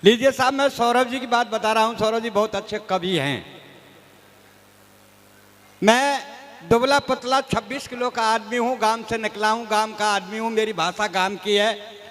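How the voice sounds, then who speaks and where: Speaking at a moderate pace in a high-pitched, fairly bright voice, a Rajasthani comic poet performs folksy, self-mocking verse on stage. He addresses the audience directly, and echoey hall reverb surrounds him.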